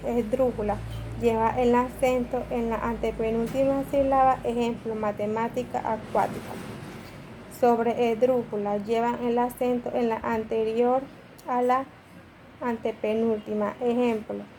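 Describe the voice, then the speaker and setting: A woman's voice: on the high side, flat delivery, unhurried, warm tone, a little hiss or hum, low-quality recording. A woman student reading a class presentation aloud to her teacher, listing examples one by one.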